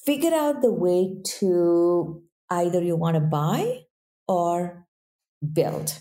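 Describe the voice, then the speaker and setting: This woman, a guest in a casual interview, speaks accented, non-native English slowly in a lowish, dark voice with big pitch swings. She's earnest and keeps checking in by saying "right?".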